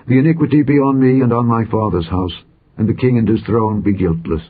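A man's voice: medium pitch, fairly quick, husky, voice pushed up, natural voice. A man reading the part of a pleading widow in mourning, his voice lifted and earnest. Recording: dull lo-fi audio recording.

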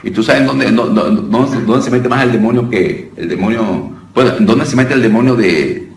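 A man's voice: fairly low pitch, moderate pace. A man giving an informal preaching lesson on deliverance, talking conversationally, often calling his listeners brother and restarting his phrases. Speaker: deliverance minister teaching. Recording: roomy sound from a distant mic with faint noise.

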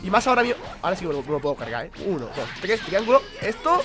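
A young man from Spain with a Spanish accent, commentating his own online game match in fast, excitable bursts and cursing at his own mistakes. He sounds under the weather, with a cough. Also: high-pitched, over music. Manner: excitable, swearing at mistakes, counting out combos. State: ill with a cough. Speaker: gaming YouTuber. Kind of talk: live gameplay commentary.

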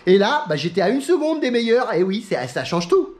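High-voiced french guy rambling about sim racing, super animated, acts out quotes, laughs a lot. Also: a little fast. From France. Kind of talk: casual talking-head chat.

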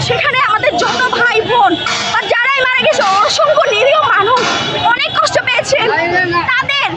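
A woman in her twenties with a Bangladeshi accent gives an impassioned, tearful, urgent statement, mixing in English words. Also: extremely high pitch. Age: 20s. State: distraught, tearful. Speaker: teacher speaking as a protester. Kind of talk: impassioned street statement to media. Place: outdoors on a busy city street. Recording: loud street crowd and traffic noise. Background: crowd, vehicles, street noise.

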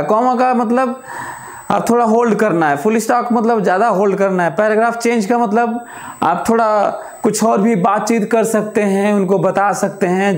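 A man teaching a physics lecture, explaining by repeating examples aloud with long pauses and slowly dictating notes. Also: high-pitched, reverberant. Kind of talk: classroom lecture.

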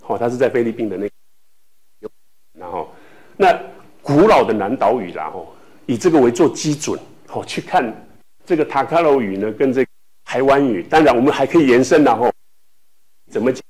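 A man from Taiwan teaching a language class, speaking slowly with many filler tags and repeating words for students to echo. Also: medium pitch, animated, darkish tone, slightly rough. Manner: filler-heavy speech with frequent "hou" tags.

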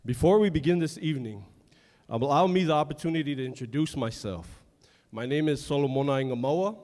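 A man's voice: fairly high pitch, fairly quick, a little mellow. A man from American Samoa, master of ceremonies at a formal event, announcing into a handheld microphone. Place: large indoor hall with a seated audience. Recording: long hall reverb.

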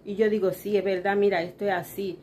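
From her bedroom, a Dominican vlogger who is an adult with children chats casually with her viewers, addressing them as "chicas" and acting out things others told her. She speaks in Dominican Spanish with a medium-pitched, level, darkish voice at a quick pace, over slight background noise.

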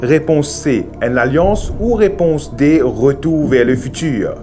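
A man in his thirties with a Mauritian accent, acting as a formal TV game show host who announces with drawn-out key words. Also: a little high, animated, dark tone. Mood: formal, suspenseful. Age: 30s. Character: smooth, eager male TV game show host in a parody. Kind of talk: game show host presenting in a sketch comedy. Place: TV studio set. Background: game show music.

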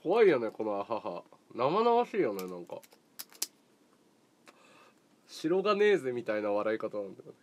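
A man hosting a livestream, chatting casually with viewers in a relaxed way, often chuckling and thinking aloud. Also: mid-range voice, moderate pace, long pauses, a little hiss or hum. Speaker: livestream host.

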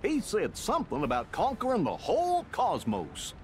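Dopey cartoon dunce dog. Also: male voice, high-pitched, huge pitch swings, normal speed, a little mellow, soft background music. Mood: helpful, pondering. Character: goofy, dim-witted, good-natured male cartoon dog sidekick. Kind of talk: video game cutscene acting.

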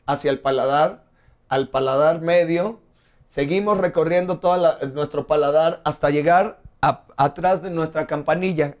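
A man's voice: fairly high pitch, darkish tone. A man teaching a singing lesson, explaining step by step and asking rhetorical questions along the way. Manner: breaks into sung scales and long "ah" tones. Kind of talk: vocal lesson.

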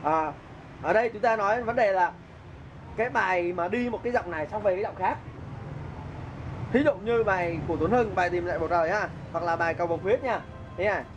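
High-voiced man teaching keyboard. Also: brisk, pauses often, lo-fi sound, noisy background. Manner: chatty, counts beats aloud and hums melodies while playing. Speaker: music teacher. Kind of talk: casual keyboard lesson. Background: keyboard playing.

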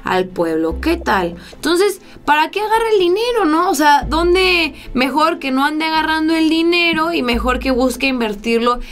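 A young woman from Mexico hosts a political commentary show, her voice pitched a little high. She sounds indignant and animated, gesturing as she reads news and reacts. It is recorded in a small studio. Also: normal speed, hardly any pauses. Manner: indignant, talks with her hands. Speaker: host. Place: small studio with blue backdrop.

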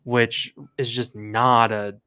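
A man's voice: mid-range voice, level tone, takes it slowly, sharp tone, smooth. A man co-hosting a sports podcast, casually breaking down the game and rattling off stats with plenty of fillers. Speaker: podcast co-host.

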